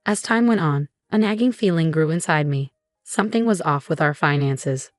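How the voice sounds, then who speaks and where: A woman reading a first-person story as scripted narration, in a steady, measured way. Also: sits low, no echo, studio quality, faint music behind.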